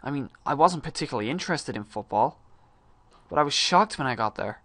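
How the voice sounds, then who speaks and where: Male actor as restless, disillusioned high-school guy, hammy stage monologue delivery, mid pitch, close dry recording. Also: expressive, fairly quick, fairly bright tone, no echo. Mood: earnest, reflective. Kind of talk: dramatic monologue reading.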